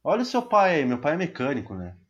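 A man's voice: on the high side, wildly swooping pitch, fast talker, muffled recording. A young adult man, a musician telling a personal story in a casual podcast chat, slangy and trailing off. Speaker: musician and music teacher, guest.

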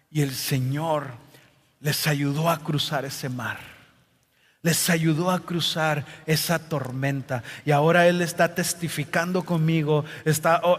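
A man's voice: on the high side, in a large hall. A male pastor delivering a sermon, dramatically acting out scripture quotes.

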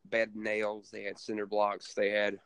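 A man with a lowish voice tells a wrestling-show story in a loose, rambling way, full of fillers and restarts. The sound is dry and close. It has no room echo. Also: monotone, a little slow, a bit bright, clear, resonant tone. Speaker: co-host recapping a wrestling show. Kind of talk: casual podcast chat.

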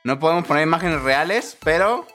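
A man's voice: a little high, animated, a bit bright. A Mexican man co-hosting a podcast, cracking crude jokes in casual banter, with faint music underneath. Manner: joking, crude, quick reactions. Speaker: podcast co-host.

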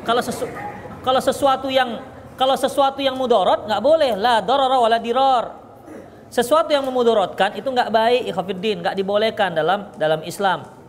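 A man's voice: extremely high pitch, brisk, a little hiss or hum. A man giving a religious lesson and answering questions, teasing and chuckling often. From Medan, Indonesia. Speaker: Islamic preacher answering questions. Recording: echoey hall with faint ambience.

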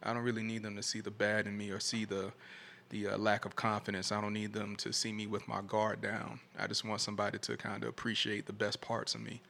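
Low, gravelly man. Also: completely flat delivery, fairly quick, a little hiss or hum. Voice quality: soft-spoken. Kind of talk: casual reflective conversation.

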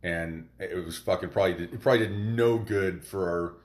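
A man's voice: deep voice, fairly quick, reverberant. A man talking as a podcast guest in a blunt, crude, casual way. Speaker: podcast guest, military veteran. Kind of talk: casual chat.

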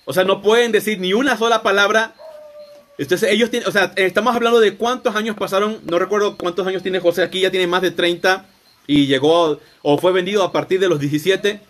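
Higher-voiced man teaching a Bible story. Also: fairly even intonation, fairly quick, fairly bright tone. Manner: conversational, many restarts and "o sea" rephrasings. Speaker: preacher.

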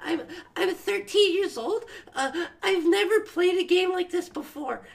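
A squeaky teen gamer boy. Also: a little slow, gravelly, full character voice. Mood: fake-innocent. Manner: shrill, squealing falsetto.

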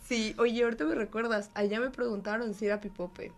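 A young woman from Puebla, a lively guest in a casual panel chat. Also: on the high side, fairly quick. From Puebla, Mexico.

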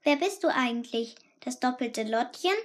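A woman's voice: on the high side, lively intonation, normal speed. A woman reading a first-person story aloud in a chatty, confiding way. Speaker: audiobook narrator. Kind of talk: scripted first-person narration.

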